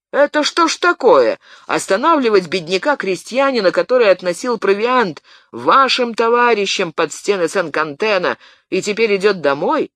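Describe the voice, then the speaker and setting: A man reading an audiobook, voicing a blustering peasant who protests loudly and rattles off complaints. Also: on the high side, no echo. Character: loud indignant peasant man, quick to protest.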